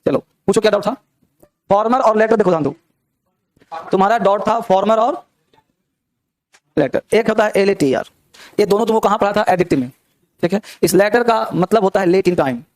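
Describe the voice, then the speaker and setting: A man's voice: high-pitched, a little mellow, dry recording. A young man teaching an English grammar class, explaining step by step and asking the students many rhetorical questions. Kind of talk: classroom lesson.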